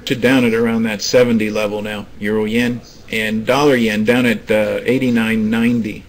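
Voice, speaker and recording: Man giving halting live trading commentary. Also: lowish voice, little pitch movement, poor audio. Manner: hesitant, restarts, coaxing the screen. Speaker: forex trading room host. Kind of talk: live market commentary to traders. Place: trading room, screen recording.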